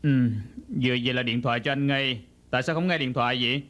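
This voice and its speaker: A man dubbing a brash police detective who talks loudly and impatiently in a casual way, for a film. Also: medium pitch, fast talker, lightly acted. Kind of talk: Vietnamese film dub.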